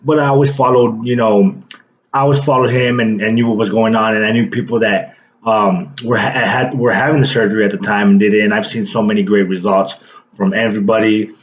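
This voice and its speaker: On lo-fi audio, a man in his late twenties with a fairly low, fairly even voice briskly tells a personal story to his camera. As a vlogger, he rambles loosely, full of fillers and restarts.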